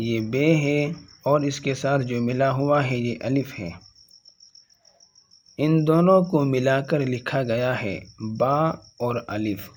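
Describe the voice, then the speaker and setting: A man gives a patient reading lesson, sounding out each letter and syllable with care. His voice sits at an ordinary middle pitch. He repeats every sound clearly so a beginner can follow. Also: darkish tone. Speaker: Urdu reading teacher.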